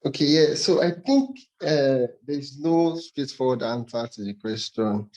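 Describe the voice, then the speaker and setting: Man, out of breath, mellow tone, student answer, fillers. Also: medium pitch, animated, a little slow, poor audio. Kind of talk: answering in an online class.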